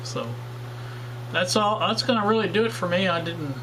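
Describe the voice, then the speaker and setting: Speaking at a moderate pace in a voice that sits high, this radio hobbyist channel host runs a laid-back workshop vlog on vintage radios. His talk rambles with many fillers and false starts over background noise.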